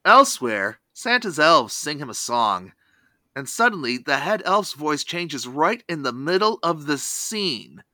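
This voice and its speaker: Bright-voiced, animated man recapping a film. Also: on the high side, unhurried, no room sound. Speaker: review show host. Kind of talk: scripted recap narration with asides.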